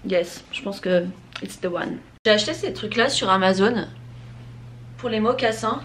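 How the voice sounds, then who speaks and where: A young vlogger with a mid-range voice talks to camera at normal speed in a slangy, casual, emphatic way, sprinkling in English phrases. Recorded on a camera or phone held in hand, the audio is clearly noisy.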